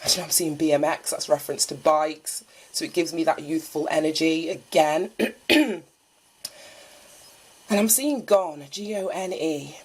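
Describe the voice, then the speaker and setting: A woman's voice: sits low, measured pace, slight background noise, rough recording. A woman giving a spiritual card reading, chatty and musing, sounding stuffy from a lingering cold. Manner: chatty and musing, thinks aloud with small laughs. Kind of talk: solo divination reading, partly read aloud from a guidebook.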